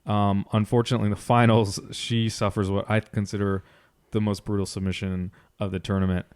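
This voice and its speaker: Low, clear-voiced man recapping sport. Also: level tone, fairly quick, darkish tone. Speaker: podcast co-host. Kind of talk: casual sports recap commentary.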